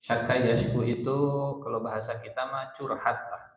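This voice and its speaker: A man's voice: medium pitch, flat delivery, moderate pace, roomy sound, low-quality recording. A man with a Sundanese-inflected Indonesian accent teaching a Quran study circle, explaining verses and chanting Arabic recitation. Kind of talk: Islamic study lecture.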